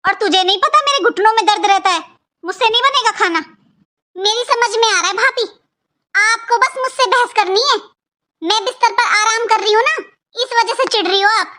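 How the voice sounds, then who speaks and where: A woman's voice: very high-pitched, normal speed, bright, forceful tone. A woman voicing a sarcastic, spoiled young married daughter who taunts her sister-in-law in a Hindi cartoon. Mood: taunting.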